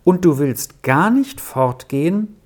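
A storyteller voicing a gentle, loving mother in an audiobook reading, speaking in a soft, reassuring way. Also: medium pitch, lively intonation, slow.

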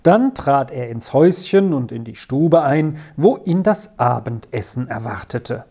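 Low, slow woman reading a storybook. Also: expressive, mellow, breathy edge. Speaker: narrator.

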